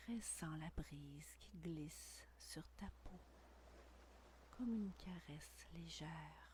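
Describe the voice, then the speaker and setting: A woman whispering a guided meditation intimately, right by the ear, in a breathy, soothing, unhurried voice with long pauses. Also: deep voice, darkish tone, a little hiss or hum. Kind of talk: guided meditation, scripted narration.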